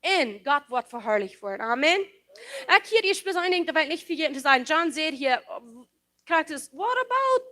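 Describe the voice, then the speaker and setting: A woman preaching a sermon in a very high, bright voice. Her pitch leaps up and down with lively emphasis. She drives her points home with repeated phrases and slips English words into her talk. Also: moderate pace.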